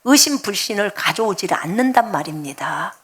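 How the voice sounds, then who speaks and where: A woman missionary preaching an afternoon sermon in a lively, joking way, speaking straight to her congregation and swinging between loud emphatic lines and soft asides. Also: medium pitch, normal speed, breathy edge.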